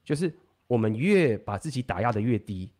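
A man talking fast and animatedly in a casual podcast chat, swearing now and then. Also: medium pitch, big pitch swings, a little mellow.

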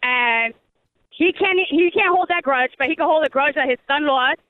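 Indignant female caller, high voice, tinny AM-radio phone line. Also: moderate pace, no room sound. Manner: indignant, emphatic. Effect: narrow phone line over AM radio. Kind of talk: political talk radio call-in. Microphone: telephone.

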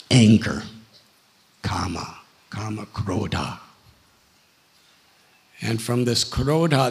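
A man's voice: medium pitch, husky. A man, a spiritual teacher, telling a sacred story in a sermon, emphatic and dramatic. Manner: slow, emphatic and dramatic, with laughter. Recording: long hall reverb.

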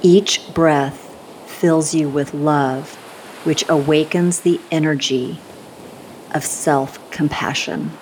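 A woman with a low voice guides a meditation, speaking slowly and soothingly in a steady tone, with gentle instructions and long pauses. The rough recording carries a faint rumbling hiss behind her.

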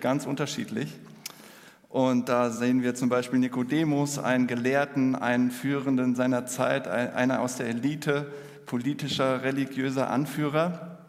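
A man, a pastor, giving a sermon in a brisk, explanatory way. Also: mid-range voice. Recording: long hall reverb.

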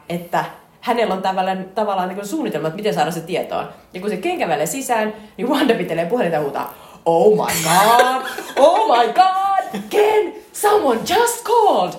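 Woman podcast co-host with a Finnish accent, lively swooping delivery, echoey room. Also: medium pitch. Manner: animated, laughing, acts out film lines loudly. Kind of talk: casual chat about a film. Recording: echoey room with faint ambient noise.

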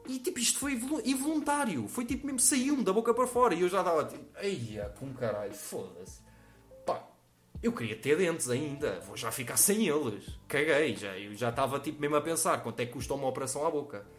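Fast-talking young Lisbon man, slangy. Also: fairly high pitch, animated, faint music behind. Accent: European Portuguese, Lisbon area. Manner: slangy, swears a lot, acts out quotes. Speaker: comedian telling a story. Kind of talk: comic anecdote monologue.

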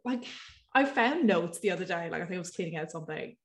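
A woman's voice: lowish voice, expressive, quick pace. Young woman in an echoey room. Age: young adult. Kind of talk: casual chat.

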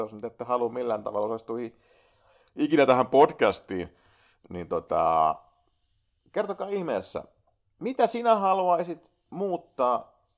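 A man's voice: on the high side, vocal fry. A man hosting his own podcast alone, rambling casually, swearing freely and talking straight to his listeners through a USB microphone. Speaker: podcast host. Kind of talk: casual solo podcast monologue. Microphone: USB microphone into a laptop.

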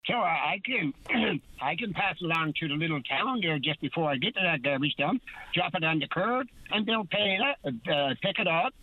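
A man's voice: fairly high pitch, animated, moderate pace, no room sound. A male caller on a call-in radio show, heard over the phone, talking in a plain-spoken, rambling way. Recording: narrow phone line.

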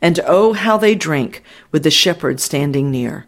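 A man reading an audiobook voices a devout older male shepherd who tells of his flock in a mellow, earnest way. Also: on the high side, lively intonation, measured pace. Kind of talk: audiobook narration.

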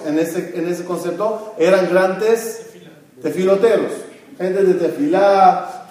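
A man's voice: sits high, darkish tone. A man giving a religious lesson to a congregation, asking questions and answering them himself, mixing Hebrew terms into his speech. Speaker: religious teacher. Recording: very echoey room, mic far off.

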